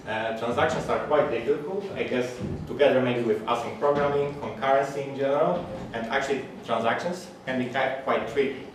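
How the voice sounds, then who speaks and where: A man in his thirties from Poland with a Polish accent gives a technical conference talk. His delivery is plain and hesitant, with frequent fillers and restarts. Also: medium pitch. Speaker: conference speaker. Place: large echoey conference room. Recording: echoey hall, distant, audible background noise.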